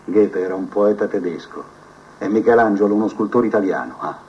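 An actor playing a proud, scheming male prison inmate who believes he is a genius, musing aloud to his cellmate in a theatrical TV drama monologue, drifting between soft mutters and sudden outbursts. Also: fairly low pitch, brisk, slight background noise, lightly acted. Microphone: cassette recorder mic held to a TV speaker. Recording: muffled TV audio taped off a set onto cassette.

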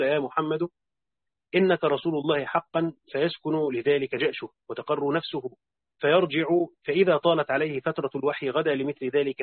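A man reading a classical religious commentary aloud in a steady, formal, recitation-like way, now and then correcting himself. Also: fairly high pitch, no echo. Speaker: audiobook reader. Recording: dry phone-like narrow sound.

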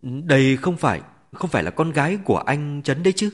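A man voicing a cheerful, teasing young male sidekick who talks quickly and jokes in a storybook reading. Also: on the high side, big pitch swings, pitched above the performer's own voice. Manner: quick and joking.

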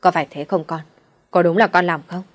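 A woman's voice: on the low side, steady tone, fairly quick, natural voice. A woman voicing an older fortune-teller mother who scolds shrilly and mutters prayers, in a storybook reading. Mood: coaxing. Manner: scolding, then fawning when praying.

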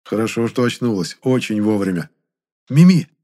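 A man reading a first-person fantasy audiobook in steady, even storytelling. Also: lowish voice, fairly quick. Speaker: audiobook narrator.

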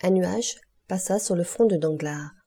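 A woman reads a classic novel aloud in a measured, steady manner. Her voice is low and gravelly, with a dark, husky timbre. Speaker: audiobook narrator. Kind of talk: scripted narration.

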